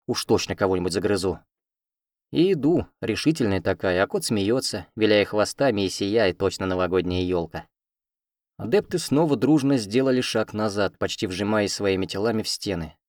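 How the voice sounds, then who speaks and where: Brief: male audiobook narrator, lowish voice, dry close mic, expressive. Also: moderate pace, no room sound. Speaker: audiobook reader. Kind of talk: first-person fantasy audiobook narration.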